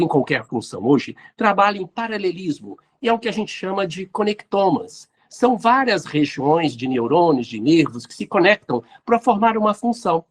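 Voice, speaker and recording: A man's voice: fairly high pitch, breathy edge. Didactic man explaining. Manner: didactic, addresses listeners directly. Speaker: host answering listener questions. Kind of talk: explanatory talk on neuroscience and spirituality.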